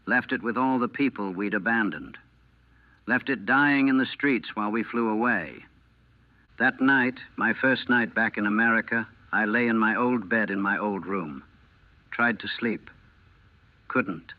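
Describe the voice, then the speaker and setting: A man delivers scripted first-person narration as a war veteran, somber and deliberate, in short clipped phrases that build through repetition. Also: lowish voice, no echo, phone-quality sound.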